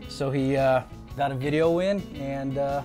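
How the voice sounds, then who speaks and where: Relaxed man recalling a teammate. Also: medium pitch, unhurried, soft background music. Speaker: former teammate. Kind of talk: documentary interview.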